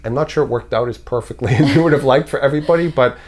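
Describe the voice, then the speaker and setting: A man's voice: mid-range voice, racing, a little mellow. A man from Canada, a podcast guest, talking in a thoughtful, rambling way with frequent restarts. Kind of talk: casual conversational interview.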